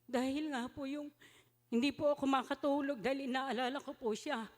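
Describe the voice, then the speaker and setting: High-voiced woman giving earnest thanks. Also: fairly even intonation, normal speed, a little mellow. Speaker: church member giving testimony. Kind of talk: prayerful testimony of thanks. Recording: church hall with long reverb.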